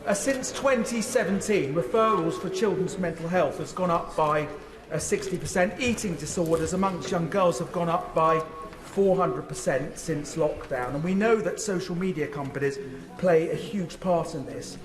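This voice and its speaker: Male backbencher, fairly high voice, prepared parliament speech, strongly reverberant room. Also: normal speed. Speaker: member of parliament. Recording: reverberant, echoey chamber.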